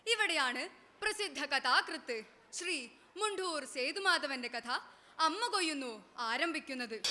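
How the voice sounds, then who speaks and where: A woman's voice: high voice, bright, forceful tone. A woman performing a story on a school stage in the kathaprasangam style, declaiming dramatically and breaking into sung verses. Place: school stage at an annual day event.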